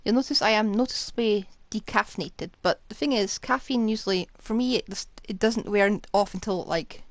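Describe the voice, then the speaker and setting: Over game music, a woman on a casual gaming livestream chats away, rambling with joking asides as she plays. She speaks at medium pitch and normal speed, and there is no echo.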